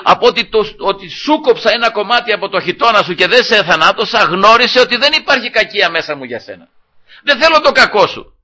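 An earnest, imploring young warrior-king, as a preacher puts him on: a high, bright, sharp-edged male voice that lifts even higher on his pleas. The delivery is spoken sermon retelling rather than stage acting. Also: full character voice. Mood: pleading.

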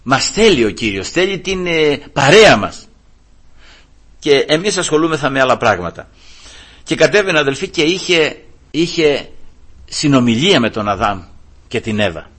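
A male preacher delivering a sermon, emphatic and repeatedly addressing his listeners as brothers, with a husky voice. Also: mid-range voice, very animated, long pauses, a bit bright.

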